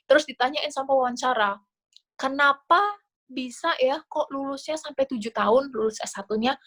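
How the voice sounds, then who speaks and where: A woman with an Indonesian accent talks a class through interview tips on a video call, in a fairly high voice. Her delivery is casual and chatty, loose and full of small fillers. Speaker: scholarship interview coach. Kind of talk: online class talk.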